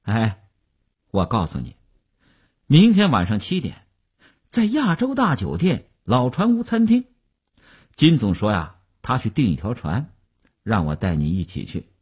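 A man's voice: lowish voice, wildly swooping pitch, measured pace, long pauses, slightly rough, exaggerated voice. A man reading a radio novel aloud, voicing a boastful, self-satisfied male stock speculator who chuckles and coaxes. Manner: bragging, chuckling, coaxing.

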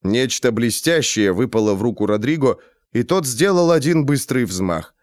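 A man reading a fantasy novel aloud with expressive, dramatic narration. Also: mid-range voice, normal speed, no echo, clean studio sound. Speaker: audiobook narrator. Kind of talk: scripted narration.

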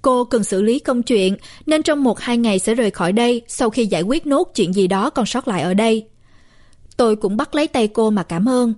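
A woman narrating a first-person horror story in a measured, steady storytelling voice. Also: a little high. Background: faint music.

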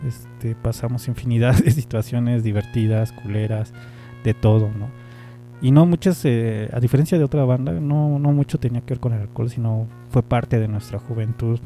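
An amateur radio-style host with a Mexican Spanish accent tells a personal story casually, rambling, using slang and laughing often. His voice is medium-pitched and dark in tone, with fairly even intonation and a moderate pace. Soft music plays in the background.

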